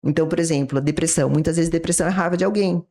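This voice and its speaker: A woman with a Brazilian Portuguese accent, a psychiatrist appearing as an interview guest, explains ideas in a low, mellow voice at a rapid-fire pace. Her manner is didactic, and she acts out short dialogues drawn from examples.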